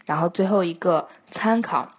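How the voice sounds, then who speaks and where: Patient woman teaching pronunciation, slightly husky. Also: lowish voice, normal speed. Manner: patient, explanatory, with frequent hesitation fillers. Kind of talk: scripted lesson narration. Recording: dull lo-fi recording.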